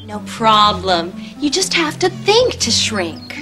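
An actress playing a sweet, odd nursery-rhyme hostess in a TV musical comedy, talking in a slow, drawn-out, coaxing way. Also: female voice, medium pitch, big pitch swings, music in the background. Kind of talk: live-action TV musical comedy acting.

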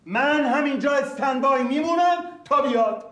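An actor playing a rude, stubborn creditor who barks orders and demands to see a debtor. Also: male voice, extremely high pitch, fairly bright tone. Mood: demanding. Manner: blunt, barking orders. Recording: roomy set with background music.

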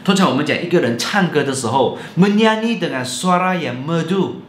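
A man, teaching a playful video lesson in an animated, jokey way and mixing in English and Malay words. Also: a little high, brisk, slight background noise. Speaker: language teacher. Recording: roomy echo.

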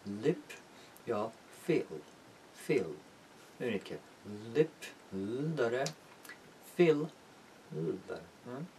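A man whose first language is Persian, teaching English pronunciation in a spoken lesson and repeating words slowly to demonstrate sounds. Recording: distant mic with faint rumble.

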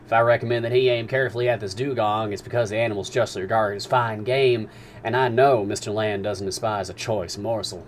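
A man's voice: fairly low pitch, fairly even intonation, fairly quick, a little hiss or hum, natural voice. A man reading aloud as a stern, mysterious sea captain who speaks formally and with authority. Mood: explaining. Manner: formal, commanding.

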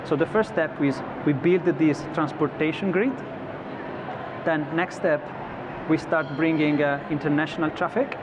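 A man's voice: on the high side, a little slow. Man on a busy convention floor. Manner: thoughtful, many restarts and fillers. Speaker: company executive guest. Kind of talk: trade show interview. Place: broadcast studio set on a convention floor. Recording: slightly dull audio with clear background noise.

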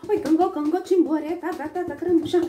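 A woman voicing a cheeky singing poop creature in a children's story, chanting high in a sing-song way. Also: steady tone, quick pace, dark tone. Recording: echoey room.

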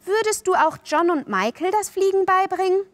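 A woman voicing an eager, excitable young girl who exclaims and pleads in a high voice. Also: moderate pace, dry recording. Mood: excited.

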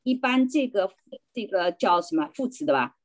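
A woman's voice: mid-range voice, lively intonation, moderate pace. A woman teaching a beginner language class over a video call, patiently correcting pronunciation and checking that students follow. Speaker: volunteer Spanish teacher.

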